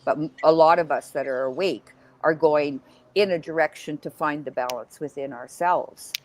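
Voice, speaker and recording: Deep voiced lady on a panel chat, kinda rambly, stop and start musing. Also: slight background noise. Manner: rambling, halting. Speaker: roundtable panelist. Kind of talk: loose spiritual musing in conversation.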